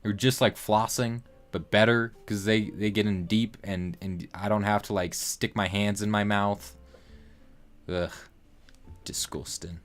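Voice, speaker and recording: A young man in his late teens chats casually on a livestream, his voice sitting a little low. He rambles freely and keeps restarting his sentences with fillers. Faint music plays quietly behind him. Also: level tone, unhurried. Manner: rambling, loose talk full of fillers and restarts. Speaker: livestream host.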